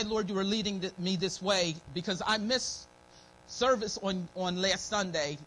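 On a noisy live church stream, a middle-aged American woman who is a church elder preaches from a pulpit in a church meeting room. Her medium-pitched, somewhat bright voice carries a slightly scratchy, dry throat as she offers an informal sermon of testimony and prayer, folksy and devout, with repeated phrases of thanks.

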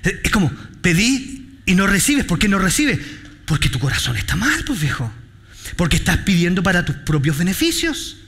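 A Chilean pastor preaching a sermon in church, telling stories with jokes and street slang. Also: male voice, sits high, moderate pace, breathy edge. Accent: Chilean Spanish. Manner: animated, joking storytelling with street slang.

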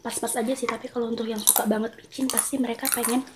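A woman's voice: on the high side, little pitch movement, fast. A young woman gives a casual mukbang review while eating crunchy chips. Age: young adult. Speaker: food reviewer. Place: small room at home. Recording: noisy close-up home recording.

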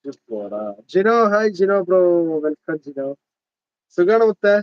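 A chatty man in his thirties with a Malabar Malayalam accent hosts a casual livestream and jokes with viewers as he calls out their names. His voice sits a little high for a man. The phone audio sounds dull and dry, with no room echo. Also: normal speed, smooth. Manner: chatty, teasing, greets viewers by name. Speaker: livestream host. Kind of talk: casual live chat reading comments.

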